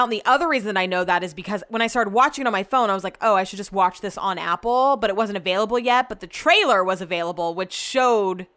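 A woman's voice: medium pitch, fairly bright tone. A woman hosts a casual solo podcast in a bubbly sorority-girl way. She has a mid-range voice, gushes with emphatic repeats, and wanders off on tangents in girly, "like"-filled slang. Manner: rambling, sidetracked valley-girl-like talk heavy on "like". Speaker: podcast host.

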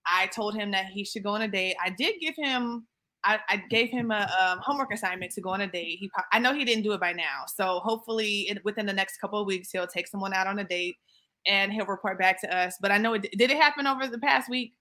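Female podcast host, late 30s, bright voice, chatty and teasing. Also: medium pitch, fast talker. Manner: chatty, ribbing, with filler words. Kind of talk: casual chat.

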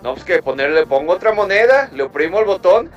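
A man's voice: high voice, expressive, brisk, lo-fi sound, faint music behind. A man telling a joke and putting on a mock Spanish accent for the characters.

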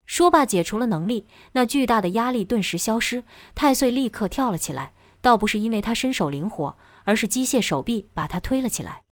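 A woman reading an action novel aloud in steady, dramatic audiobook narration. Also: a little high, brisk, few pauses, no echo.

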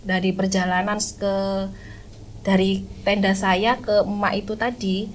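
Halting woman recalling a camping trip. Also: mid-range voice, level tone, slight background noise, poor audio. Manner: halting, searching for words with many fillers. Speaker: podcast guest telling a camping story. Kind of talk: casual spoken recollection.

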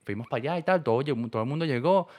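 A young man, co-hosting a podcast and telling a story fast and animated, full of slang and repetition. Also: mid-range voice. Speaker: podcast co-host. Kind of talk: casual storytelling chat.

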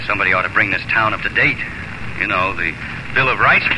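An actor playing a proud, sardonic young drifter, wry and articulate, in theatrical 1940s radio drama style. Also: male voice, on the low side, quick pace, lightly acted. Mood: resigned, sardonic. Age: young adult. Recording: very noisy vintage radio recording.

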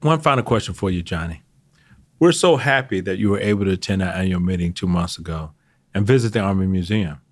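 An American man hosting a podcast interview in a courteous, measured way. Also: deep voice, dry recording. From United States. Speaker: podcast host, military veteran.

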